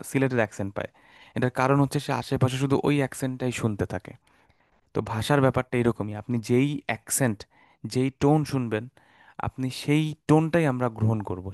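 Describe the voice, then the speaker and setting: Teaching an online class from a dry room, a Bangladeshi man who teaches Quranic Arabic speaks in a mid-range voice with no echo. His explanations are relaxed and sprinkled with fillers and side remarks.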